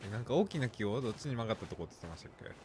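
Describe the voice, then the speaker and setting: A man's voice: lowish voice, very animated, racing, dark tone, a little hiss or hum. A man chatting casually as he comments on a video game with a partner. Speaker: gaming commentator. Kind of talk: casual two-person let's play chat.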